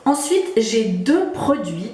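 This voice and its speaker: A woman's voice: fairly high pitch, very animated, slow, warm tone. Hesitant Swiss French woman vlogging. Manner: hesitant, many fillers and restarts. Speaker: beauty vlogger. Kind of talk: casual product review vlog. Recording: roomy echo.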